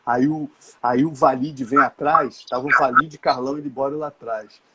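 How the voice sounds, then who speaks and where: A man telling a lively anecdote as the guest journalist in a live chat, acting out the shouted quotes. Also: medium pitch, normal speed, background noise. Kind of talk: animated storytelling in a live chat.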